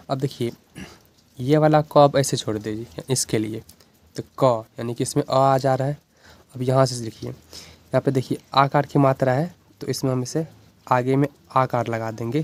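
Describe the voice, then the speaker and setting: A man with a Bihari Hindi accent teaching a lesson, explaining slowly and patiently and often checking in with the viewer. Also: mid-range voice, fairly even intonation, a little mellow. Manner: patient, repeats "ठीक है ना" often.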